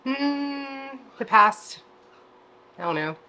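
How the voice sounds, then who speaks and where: A woman's voice: sits high, lively intonation, drawn-out words, pushed and bright, a little hiss or hum. A woman co-hosting a home cooking vlog, talking in a chatty, laid-back way from her kitchen. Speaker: keto vlog co-host. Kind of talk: casual chat.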